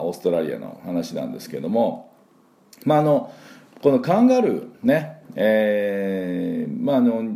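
Low creaky guy doing a chatty english lesson, lots of fillers, bouncy pitch. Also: dark tone. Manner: chatty, many fillers, repeats words for learners to echo. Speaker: English pronunciation teacher, podcast host. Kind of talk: casual spoken lesson.

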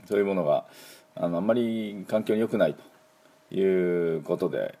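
Man, middle-aged, low husky voice, easygoing English teacher, lots of fillers, repeat-after-me drills. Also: normal speed. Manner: relaxed, chatty, many fillers and asides; leads call-and-repeat pronunciation drills. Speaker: English teacher and show host. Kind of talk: casual spoken English lesson.

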